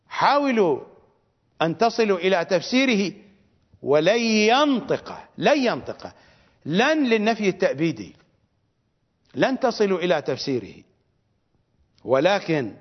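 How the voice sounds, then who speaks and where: A man with an Iraqi accent lectures with fiery, scornful emphasis, his voice high and sweeping up and down. The recording is dull and lo-fi, with a long reverb trailing each phrase. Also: slightly rough. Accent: Iraqi Arabic. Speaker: cleric. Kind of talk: religious lecture.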